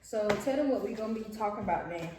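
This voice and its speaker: Eating at a restaurant table indoors, a young pregnant vlog co-host talks casually to her viewers and keeps addressing them as y'all. She speaks fast in a medium-pitched voice with lively intonation, recorded in a very echoey room with faint noise.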